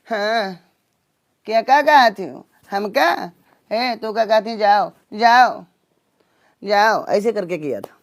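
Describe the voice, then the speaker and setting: A man voicing a deaf old village aunt in a shrill, whiny Awadhi-accented voice. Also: slow pace, pauses often. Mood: shrill complaining.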